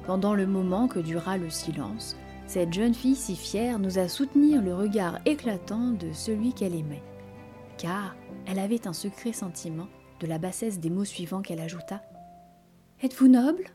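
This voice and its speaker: A woman gives a scripted literary narration of a classic novel. Her reading is measured and expressive, with a mellow, dark tone at a middle pitch. Faint music plays softly beneath her voice. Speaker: audiobook narrator.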